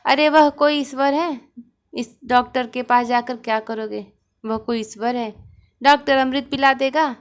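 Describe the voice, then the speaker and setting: A groaning, self-pitying old mother in a spoken storybook, as a woman narrator puts her on. The voice sits a touch high and carries a lamenting, sly edge throughout. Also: lightly acted.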